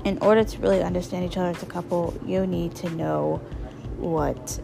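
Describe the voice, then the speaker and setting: A woman with a gravelly, slightly hoarse voice, rambling informally as she gives casual advice as a solo podcast host, repeating phrases for emphasis. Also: on the low side, fairly even intonation, normal speed, over music. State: hoarse, voice partly lost.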